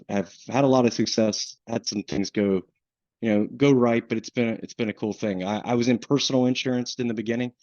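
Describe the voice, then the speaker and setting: A man with a Southern US accent leads a webinar in a loose, conversational way, often restarting his sentences. His voice sits low, and it comes over a dull, lo-fi call line with a dry, close sound. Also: darkish tone, dry recording. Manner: casual, with frequent restarts and fillers. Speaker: flood insurance program manager, webinar presenter. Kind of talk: webinar presentation.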